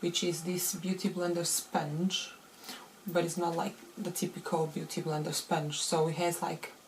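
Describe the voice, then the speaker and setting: A woman's voice: fairly low pitch, little pitch movement, a little slow, a little hiss or hum, low-quality recording. Woman vlogger with a rusty morning voice. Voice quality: slightly rusty, unused morning voice. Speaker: beauty vlogger. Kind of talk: casual chatty makeup tutorial.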